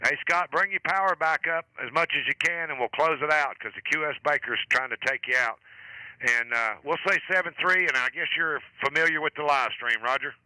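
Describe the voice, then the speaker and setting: Bright, crisp-voiced man hosting a radio net. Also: a little high, a little fast, no room sound, rough recording. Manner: informal, chummy, with radio sign-offs. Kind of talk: casual amateur radio net chat.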